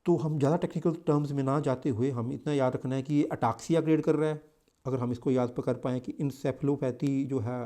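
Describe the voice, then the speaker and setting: Indian man lecturing, mellow voice. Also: mid-range voice. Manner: mixes English into Hindi, repeats and self-corrects. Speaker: exam coaching teacher.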